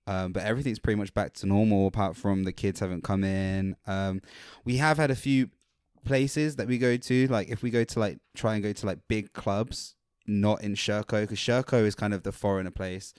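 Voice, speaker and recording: A man's voice: on the low side, steady tone, a little fast, darkish tone, clean tone, no echo, studio quality. A man co-hosting a podcast, chatting casually and rambling a bit, swearing freely, in a hot indoor room. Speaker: podcast co-host. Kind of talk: casual chat.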